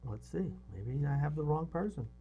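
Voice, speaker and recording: This man co-hosts a movie review show, rambling casually through unscripted chat, reading synopses out loud and occasionally muttering to himself. His voice is fairly high, gravelly and expressive at a moderate pace, with phone-quality sound.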